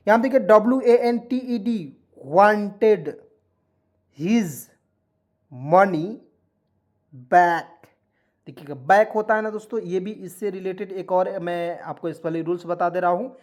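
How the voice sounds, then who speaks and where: A man's voice: sits high, fairly even intonation, fairly quick, hardly any pauses, a little mellow. A man teaching English in Hindi as an online lesson. He spells each word letter by letter, then says it, and often checks that the listener is following.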